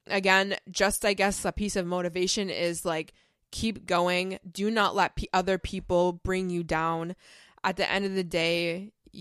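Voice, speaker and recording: A woman's voice: lowish voice, smooth, no room sound, clean studio sound. A young woman in her twenties hosting a podcast, talking earnestly and from the heart in casual advice, with many "like"s. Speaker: podcast host.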